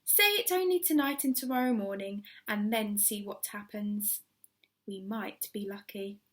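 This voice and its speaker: A woman voicing a shy, nervous, lovestruck gentleman in a children's story, speaking earnestly. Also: mid-range voice, measured pace, lightly acted. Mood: reassuring. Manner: earnest, hushed when nervous.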